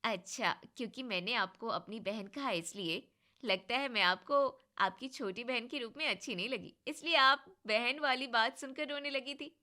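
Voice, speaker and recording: A cheeky, bubbly young sister-in-law in a storybook drama, voiced by a woman. She is loud, playful and a little bossy. Her voice is bright and slightly high. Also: normal speed. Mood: affectionate.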